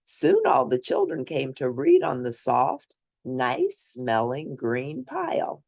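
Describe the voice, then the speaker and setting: For an audience of small children, a woman reads from a picture book in a low voice with a touch of gravel. Her pitch swings widely as she tells it, animated and expressive, and she pauses to point out the pictures.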